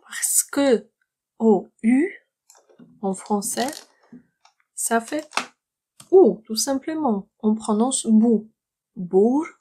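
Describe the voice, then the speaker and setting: A woman teaching a language lesson, patiently explaining words and repeating them slowly, sometimes dropping to a soft murmur. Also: on the high side, lively intonation, husky. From France. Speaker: French teacher.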